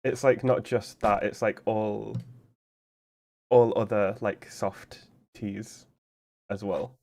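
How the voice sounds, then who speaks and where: A man's voice: on the low side, fairly even intonation, slow, gravelly, darkish tone. A man streaming a game, chatting casually and explaining at length in a rambling way, full of "like" and restarts. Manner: rambling, explanatory, heavy use of "like". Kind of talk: casual chat while playing a game.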